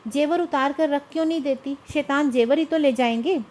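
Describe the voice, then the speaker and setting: A woman's voice: sits high, brisk, a little mellow, close to an everyday voice. A woman voicing a timid, cowardly young husband who pleads and frets. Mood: pleading. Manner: pleading, fretful.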